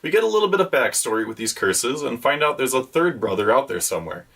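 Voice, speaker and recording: A man's voice: mid-range voice, sing-song, fast talker, gravelly, a bit bright, slightly rough. A man hosting a weekly manga review, reading a scripted rundown with enthusiastic fan commentary.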